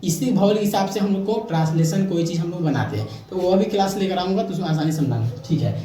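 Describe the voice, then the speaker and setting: A man's voice: high voice, lively intonation, fast talker, dark tone. A man teaching a lesson, asking questions and answering them himself, with many repetitions. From India. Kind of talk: classroom-style lesson. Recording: echoey room, faint noise.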